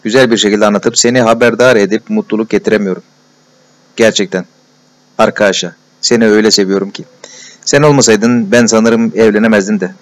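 A man voicing a shy, tender-hearted young male clerk who talks in emotional, confiding rushes, in a storybook reading. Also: on the low side, fairly even intonation, close to an everyday voice. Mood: fervent. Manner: emotional, breathless confiding, repeated endearments.

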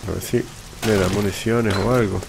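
A man's voice: fairly low pitch, steady tone, moderate pace, creaky, background noise. A man giving casual gameplay commentary, talking to himself as he plays. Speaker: gamer, let's play host.

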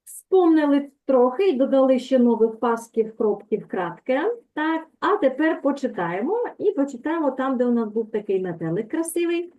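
Patient woman teacher, lightly high voice, on a thin video-call line. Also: expressive, normal speed, few pauses. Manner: patient, explanatory, frequent "так?" checks. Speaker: Polish language teacher. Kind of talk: online language lesson. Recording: tinny phone-like call audio.

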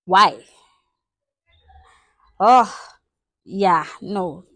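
A playful South African woman in her twenties talks straight to her viewers in a relaxed, self-mocking get-to-know-me vlog. Her voice sits at an ordinary middle pitch. The sound is dry and close, with no room echo. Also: drawn-out words. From South Africa, Eastern Cape. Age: 20s. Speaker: vlogger.

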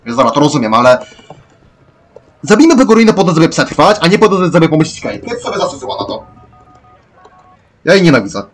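A man commentating over a video game playthrough. He rants excitably and shouts at the characters on screen. His voice sits slightly high. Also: quick pace, pauses often, a little hiss or hum. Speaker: let's play gamer. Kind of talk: gameplay commentary.

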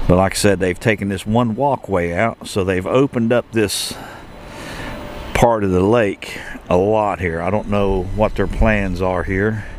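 Outdoors at a shopping and entertainment complex, a male travel vlogger gives a loose walking-tour commentary packed with fillers and false starts. His voice is low and steady at a measured pace, with a little background noise.

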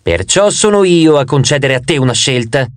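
A man reading an audiobook, voicing the queen of the gods in a calm, authoritative, motherly manner. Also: medium pitch, normal speed, dry recording, lightly acted. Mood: commanding.

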